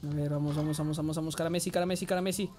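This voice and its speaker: A man with a Mexican accent giving excitable live gameplay commentary, swearing and often yelling. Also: a little high, rapid-fire, soft background music. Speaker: game streamer.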